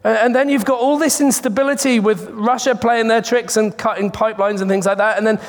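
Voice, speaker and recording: A man's voice: very high voice, steady tone, a little fast. A man preaching an informal sermon in an earnest, conversational way, speaking to a congregation from a microphone at the front. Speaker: preacher addressing his church. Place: large echoing room at a church gathering. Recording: reverberant hall, live church recording.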